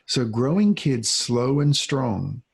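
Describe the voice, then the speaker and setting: A middle-aged male host asks a long, halting interview question, searching for words with many restarts. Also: mid-range voice, big pitch swings, vocal fry, slightly rough.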